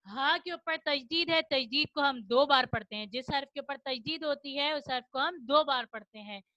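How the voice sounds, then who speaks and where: Female tajweed teacher, high bright voice, slow patient delivery, dry close sound. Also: dry recording. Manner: explains rules, then chants verses slowly for repetition. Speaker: Quran recitation teacher. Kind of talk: online children's tajweed lesson.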